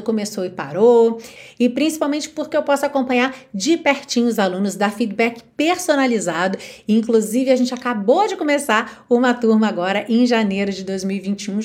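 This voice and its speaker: A woman's voice: on the high side, a little mellow. A woman with a Brazilian Portuguese accent, an English teacher giving an upbeat online pronunciation lesson through songs. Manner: enthusiastic, demonstrates by singing lyric lines.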